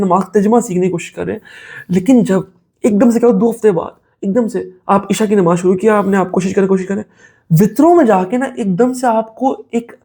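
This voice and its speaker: मधुर आवाज़ वाला पुरुष वक्ता, पाकिस्तानी उर्दू लहजा. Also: male voice, high-pitched, warm tone. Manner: conversational, mixes English phrases, asks "make sense?". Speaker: Islamic motivational speaker. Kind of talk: casual spoken advice talk.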